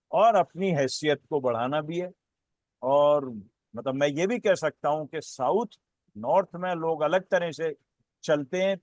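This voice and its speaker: A man speaking as a political analyst on a panel, building his points in a measured way with repeated phrases. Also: a little high, a little mellow, no room sound. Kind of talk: panel discussion commentary.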